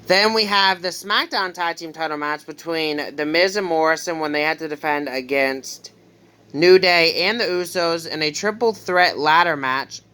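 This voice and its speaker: A vlogger casually talking through wrestling predictions, hesitant, with frequent ums and quick self-corrections. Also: mid-range voice, pushed and bright, smooth.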